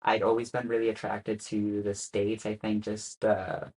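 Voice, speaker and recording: A young man from Spain, whose first language is Spanish, tells his story as a guest in a casual interview chat. His voice is lowish and his pace measured. He sounds relaxed but hesitant, with frequent "uh" fillers and soft laughs.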